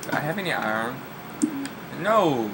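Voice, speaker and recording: A man's voice: medium pitch, big pitch swings, normal speed, noisy background. Rambling, swearing young man gaming. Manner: rambling, swears a lot, talks to his cat. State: voice worn from yelling. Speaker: gaming YouTuber. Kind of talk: casual game commentary.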